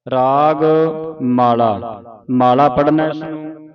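A man leads a recitation lesson, pronouncing every syllable in a slow, drawn-out way and correcting mistakes as he goes. His voice sits a little high for a man. The recording sounds dull and lo-fi, with a group of people clearly audible behind him. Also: a crowd in the background. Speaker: gurbani recitation teacher.

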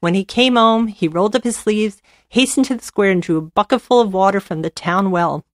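A woman tells an old folk tale with expressive, lively storytelling. Her voice sits at a middle pitch, and the sound is very dry and close, with no room around it. It feels like a host reading to her listeners. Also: brisk, no echo.

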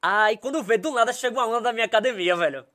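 A man's voice: sits high, very fast, slight background noise. A young man from Brazil, telling a long comic story on a podcast. He talks casually and acts out everyone in it, and laughs as he goes. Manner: animated, acts out quoted voices, laughs while telling. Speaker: podcast guest, comedian.

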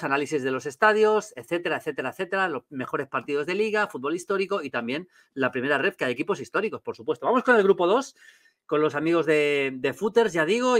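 A middle-aged man with a Castilian Spanish accent hosting football highlights, chatty and addressing viewers as friends. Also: a bit bright. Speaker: host of a football channel. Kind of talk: casual highlights commentary to camera. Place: small home studio with foam panels. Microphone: close desk microphone.

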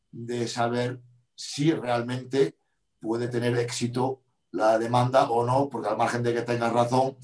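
A man's voice: medium pitch, darkish tone. A man, a rally driver, telling a story in an interview, acting out both sides of a quarrel. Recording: roomy sound from a distant mic.

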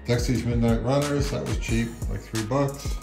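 Talking over music, this fifty-something channel host has a medium-pitched, gravelly voice with a steady tone at normal speed. A record collector, he speaks in an offhand, casual way typical of a home product review vlog, filmed in his living room and kitchen.

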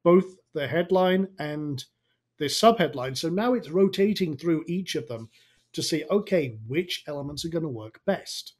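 A man gives a casual on-screen tutorial in a raspy, tired voice. He talks informally, muttering his way through each step as an online marketing coach would. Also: a little high, lively intonation, moderate pace. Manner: informal, thinking aloud.

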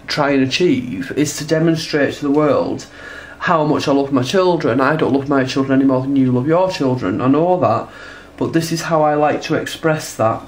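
Sitting indoors at a table, a congested woman with a cold chats casually while showing her textile art and sketching, often tacking on tag questions. Her voice is low and a little mellow, like a relaxed drawing tutorial.

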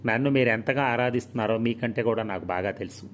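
A man's voice: medium pitch, fast talker, slight background noise, lightly acted. A man voicing a proud, reserved young woman doctor in a storybook reading, giving curt, guarded replies.

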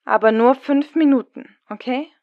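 A man's voice: very high voice, normal speed, dry recording, dull audio, voice pushed up. A man voicing a guarded, impatient ex-wife who answers through a doorbell intercom speaker with curt, suspicious questions. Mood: wary. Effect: heard through a doorbell intercom speaker. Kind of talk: audiobook narration.

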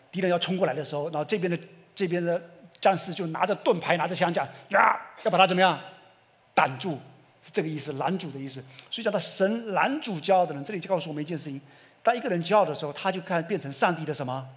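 A male pastor with a Taiwanese Mandarin accent preaches a sermon, peppering it with rhetorical questions to the congregation and leading them in reading scripture aloud. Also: on the high side. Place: church sanctuary. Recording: long church-hall reverb.

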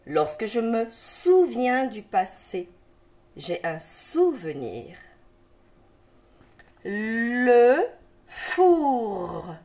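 A woman's voice: medium pitch, wildly swooping pitch, slow pace, dark tone. A woman teacher guiding young children through a reading lesson, encouraging them and sounding out syllables patiently. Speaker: primary school teacher.

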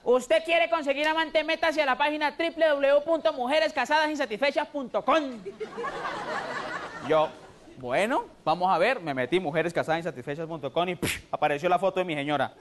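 A man with a Colombian accent doing a loud, rowdy stand-up routine and acting out the people in his jokes. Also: extremely high pitch, moderate pace, background noise. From Huila, Colombia. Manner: loud, rowdy, acts out quoted voices. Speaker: stand-up comedian. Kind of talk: stand-up routine on TV comedy show.

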